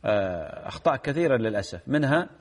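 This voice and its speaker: A cleric-like man fields callers' religious questions on a call-in program, explaining everyday matters patiently and drawing out the words in his examples. At an average male pitch, he takes his time even at a quick pace, with a sing-song lilt.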